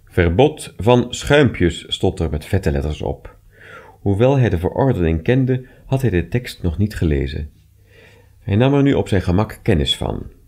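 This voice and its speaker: Husky-voiced man reading stories aloud. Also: lowish voice. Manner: expressive, measured narration. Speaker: reader.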